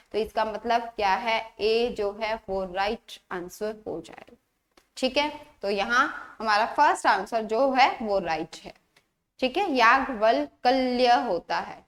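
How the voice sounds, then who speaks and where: A woman with a high, bright voice teaches an exam-prep grammar lesson. She explains patiently, says each word several times and asks the listener rhetorical questions as she goes.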